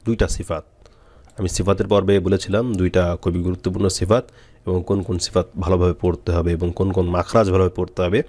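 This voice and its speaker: A man's voice: deep voice, a little mellow, no echo. A man teaching Quran reading step by step, spelling out letters and repeating syllables for his students to drill. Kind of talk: step-by-step recitation lesson.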